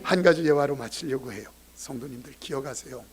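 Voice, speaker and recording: A middle-aged male pastor preaching a sermon and telling a story, swinging dramatically between hushed and loud. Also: mid-range voice, brisk, breathy edge.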